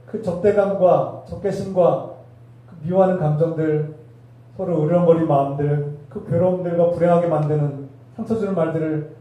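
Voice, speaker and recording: A male pastor with a mellow voice on the high side preaches a sermon full of rhetorical questions and emphatic repetition. He's heard from a distance in an echoey church sanctuary.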